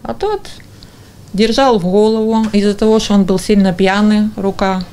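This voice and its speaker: A woman in her forties giving an informal interview account in halting, broken phrases. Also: mid-range voice, mellow, clear, resonant tone. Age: 40s. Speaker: injured interviewee. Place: small indoor kitchen. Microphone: handheld or stand TV microphone before her.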